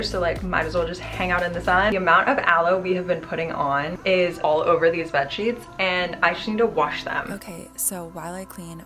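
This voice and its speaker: A woman with a slightly low voice speaks like a lifestyle vlogger. Her delivery is chatty and informal, as if talking casually to her viewers. Music plays clearly behind her voice. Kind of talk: casual vlog chat and tips to camera. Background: background music.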